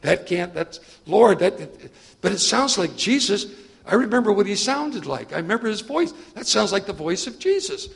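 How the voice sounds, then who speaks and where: A preacher playing an anxious, bewildered apostle who stammers and repeats himself. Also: male voice, high voice, sing-song, moderate pace, creaky, pitched above the performer's own voice, full character voice. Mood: agitated. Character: anxious, bewildered male apostle, self-righteous.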